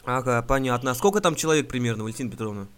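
A man making a prank phone call, talking in a deadpan, mock-earnest way and stumbling over words. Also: medium pitch, racing, clean tone. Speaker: prank caller.

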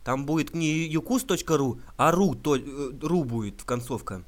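A man making a prank phone call, talking in a deadpan, mock-earnest way and stumbling over words. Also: fairly high pitch, normal speed. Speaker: prank caller.

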